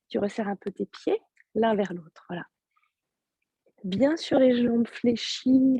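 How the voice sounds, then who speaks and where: A yoga teacher with a husky, mellow, fairly high voice and a slightly sore throat leads a class over a video call. She speaks softly and calmly, cueing each movement and breath step by step. The recording is close and dry.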